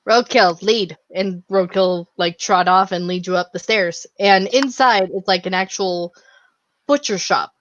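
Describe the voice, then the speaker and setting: A woman's voice: fairly low pitch, fairly even intonation, measured pace, fairly bright tone, a little hiss or hum. A woman narrating a tabletop game as game master, in a casual, chatty way. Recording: dull lo-fi, dry.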